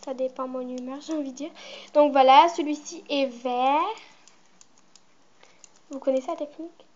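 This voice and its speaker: Chatty teenage girl, high voice, lo-fi. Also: fairly even intonation, normal speed, a little mellow. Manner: chatty, rambling, with many fillers. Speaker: vlogger. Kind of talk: casual show-and-tell vlog. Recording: muffled lo-fi home recording.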